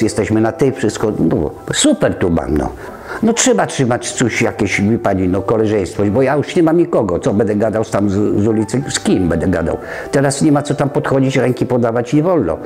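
Strolling through a community center during an interview, an older man from Poland talks in a chatty, rambling way, often cutting off mid-word and starting over. His voice sits in the mid-range with a darkish tone.

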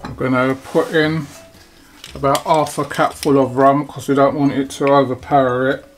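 Flat-voiced man talking through a recipe. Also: medium pitch, moderate pace, faint music behind. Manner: easygoing, talks through each step while working. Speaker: cooking channel host. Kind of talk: casual cooking demonstration. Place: home kitchen.

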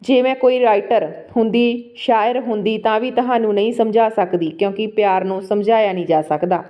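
A woman voicing a troubled young wife, fearful and pleading, in a soft storytelling read. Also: mid-range voice, fairly even intonation, moderate pace, natural voice. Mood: tender. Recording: dull lo-fi recording.

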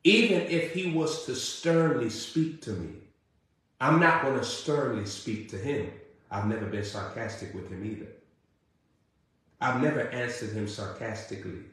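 A man's voice: expressive, unhurried, a bit bright. Male preacher, sermon delivery, emphatic repetition, heavy room echo. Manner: rising to emphatic repeated questions, then dropping low. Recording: very echoey room.

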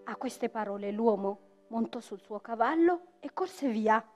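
A woman's voice: on the high side, animated, unhurried, darkish tone. A woman storyteller and writer on a theatre stage, reading a tale expressively and speaking directly to the audience. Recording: dull lo-fi stage recording with faint music.

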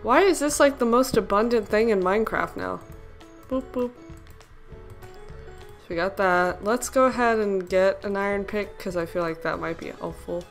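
A young woman hosting a casual Minecraft let's play, talking through her moves in a chatty, giggly way with playful little sound effects. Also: medium pitch. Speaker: gaming channel host.

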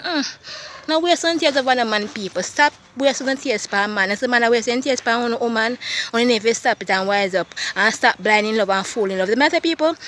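Jamaican woman, fairly high voice, fervent preachy vlog monologue, faint background noise. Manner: passionate, preachy, rises loud when heated. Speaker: vlogger. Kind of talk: casual monologue to camera.

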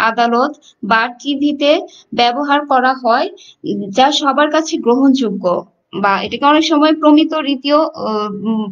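A woman teacher from Bangladesh explaining a lesson to her students, addressing them directly with frequent fillers. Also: high-pitched. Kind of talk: online class lecture. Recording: dull lo-fi audio.

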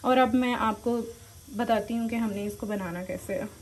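Lady, slightly high voice, chatty how-to while cooking, phone cam in the kitchen, bit of sizzle behind. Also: moderate pace, a little mellow, slight background noise, rough recording. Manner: chatty, instructive, often says "okay" and "come on". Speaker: channel host giving home remedies. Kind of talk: chatty home tutorial. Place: home kitchen, cooking at the stove. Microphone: handheld phone camera. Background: frying and sizzling.

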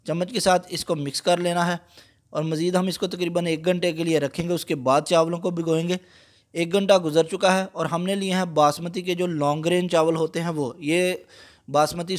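A man with a slightly raised voice walks through a recipe. He talks calmly and patiently, pausing on small fillers as he explains each step. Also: on the high side. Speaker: cooking channel host. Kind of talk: step-by-step cooking instruction.

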